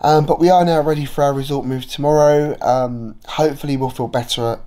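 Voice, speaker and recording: A man's voice: mid-range voice, fairly even intonation, brisk, dark tone. Chatty man with a slight cold. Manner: chatty, rambling with many fillers. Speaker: travel vlogger. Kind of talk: casual vlog narration.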